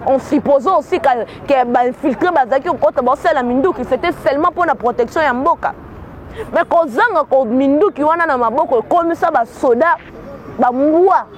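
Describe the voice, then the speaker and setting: This earnest commentary comes from a Congolese-accented woman from Kinshasa who switches between Lingala and French and repeats words as she hunts for them. She has a high voice and speaks a little fast, over a faint hiss or hum.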